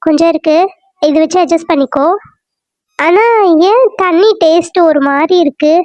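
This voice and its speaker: A breezy young cartoon woman chatters along in a bright, bubbly manner. Her voice is high and the recording is dry and close. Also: moderate pace, no echo. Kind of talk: cartoon serial voice acting.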